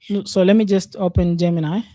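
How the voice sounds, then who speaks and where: A man walks learners through a coding lesson in a warm, mellow voice. He talks it through at an easy pace, pausing on fillers as he works. The sound is close and dry, with no room around it. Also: high voice, fairly even intonation, dry recording. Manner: unhurried, thinks aloud with many fillers. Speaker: programming instructor. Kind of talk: casual screen-share coding lesson.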